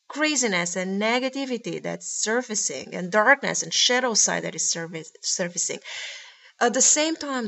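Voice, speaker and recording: Gravelly-voiced woman giving spiritual guidance. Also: mid-range voice, fairly bright tone. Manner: earnest, searching for words with frequent pauses. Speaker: spiritual teacher. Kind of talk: spiritual monologue to camera.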